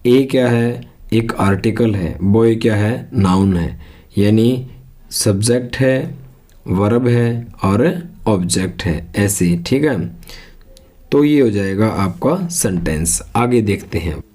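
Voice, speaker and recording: A man's voice: on the low side, a little mellow. A man with a Hindi accent teaching a basic English lesson, spelling out words and asking his listeners simple questions. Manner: spells words letter by letter and asks rhetorical questions, reading English slowly. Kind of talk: classroom lesson explaining English words and sentences.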